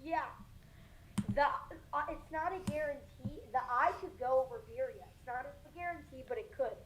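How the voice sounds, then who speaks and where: A woman's voice: high-pitched, moderate pace, a little hiss or hum, low-quality recording. A woman co-hosting a live storm stream, talking in a rambling, chatty way full of fillers. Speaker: co-host of storm livestream. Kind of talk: casual live weather chat.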